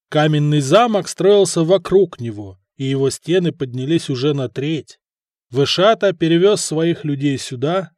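A man's voice: on the high side, darkish tone, dry recording, clean studio sound. A man reading scripted narration for an audiobook.

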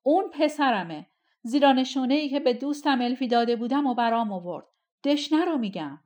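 A woman voicing a stubborn, angry male sultan who speaks in loud, commanding tones. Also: medium pitch, natural voice.

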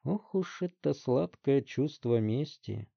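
A man voicing a calm, stern middle-aged police detective who speaks in a measured, drawling way. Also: medium pitch, gravelly, no echo, dull audio.

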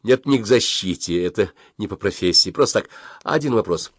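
A man's voice: fairly low pitch, lively intonation, fairly quick, breathy edge, no echo, clean studio sound. A man reading an audiobook, voicing a sarcastic, sing-song middle-aged mother in a raised voice. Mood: sweet. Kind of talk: audiobook character voice.

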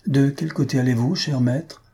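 A man's voice: mid-range voice, steady tone, moderate pace, creaky, dark tone, slightly rough, voice pushed up. A man voicing an ingratiating, deferential acquaintance in a storybook reading. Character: opportunistic male acquaintance cadging shelter.

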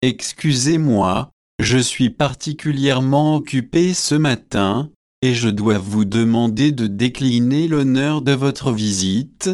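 A man's voice: mid-range voice, takes it slowly, darkish tone, dry recording, clean studio sound, natural voice. A man voicing a weary young man who is irritated by unwanted visitors and speaks in a formal, impatient way. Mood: curt.

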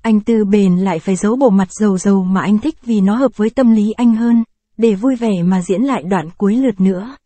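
A woman narrating a short story in a calm, even storytelling manner, close to the mic. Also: mid-range voice, a little fast, no room sound. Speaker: audiobook narrator. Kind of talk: scripted short story reading.

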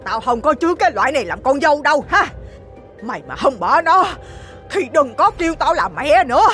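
A woman's voice: high voice, very animated, brisk, music in the background. A woman voicing a stern older mother who scolds with indignation. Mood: commanding.

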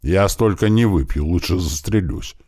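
A man's voice: sits low, moderate pace, dark tone, breathy edge, dry recording, clean studio sound. Grumpy squeamish guy, male narrator, audiobook. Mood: grumbling. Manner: grumbling. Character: squeamish grumbling man.

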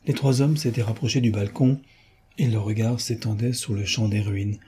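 A man narrating a classic novel as an audiobook, measured and literary. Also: on the low side, steady tone, mellow, husky. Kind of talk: scripted narration.

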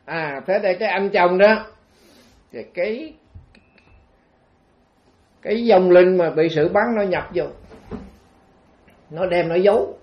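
A man's voice: high-pitched, slow pace, pauses often. A man with a Southern Vietnamese accent, a Buddhist monk telling a story in a dharma talk, chatty and full of fillers, on a dull lo-fi recording. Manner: chatty, meandering, frequent fillers.

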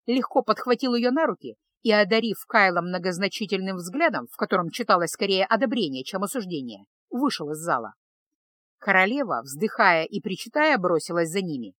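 A woman narrates a fantasy audiobook in an even, unhurried reading voice. Her pitch sits in a middle range for a woman. The recording is dry and close, with no room sound. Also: no room sound. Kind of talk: scripted narration.

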